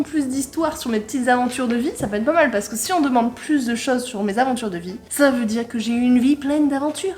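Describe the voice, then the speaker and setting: A woman vlogger chatting casually and jokingly as she takes an online quiz, laughing often and reading English words aloud with a loose accent. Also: high voice. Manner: playful, jokey, laughs often. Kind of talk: casual commentary while taking an online quiz.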